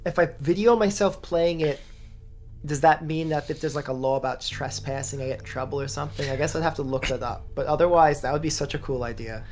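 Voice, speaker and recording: A man's voice: on the high side, fairly even intonation, brisk, faint music behind. A man co-hosting a let's play over a voice call, talking in playful, rambling bits that trail off. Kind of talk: casual gaming commentary.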